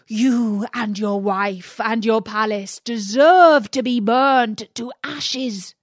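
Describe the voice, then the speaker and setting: A woman voicing a furious male genie who shouts in outrage at his master. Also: a little high, slow pace, no room sound, clean studio sound. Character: furious shrieking male genie, enslaved spirit.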